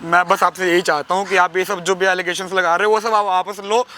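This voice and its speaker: Casting: young actor as a high, quick-talking student nephew, begging and protesting. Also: male voice, flat delivery, bright, forceful tone. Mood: pleading. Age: young adult. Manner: pleading, protesting, repeating himself. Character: young male student nephew, frightened and pleading. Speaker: actor in a short drama.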